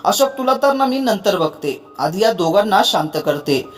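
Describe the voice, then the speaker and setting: A storyteller voicing a young married woman who scolds her husband and calms a friend, in a read-aloud story. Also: medium pitch, normal speed, faint music behind, close to an everyday voice. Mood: stern. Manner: firm, calming. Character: young wife, stern but soothing.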